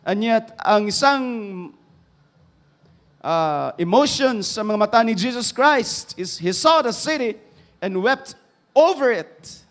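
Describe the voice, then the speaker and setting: High-voiced Filipino preacher. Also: male voice, animated, takes it slowly. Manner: mixes English into Filipino, rising to loud emphasis then dropping to hushed tones. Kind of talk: sermon.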